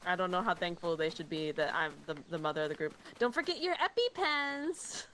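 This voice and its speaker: A woman's voice: sits low, little pitch movement, fast talker, a bit bright, a little hiss or hum, low-quality recording. A woman hosting a game stream, chatting casually and playfully, teasing her friends in a mock-motherly way. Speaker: streamer and host. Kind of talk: casual gaming chat with family role-play banter.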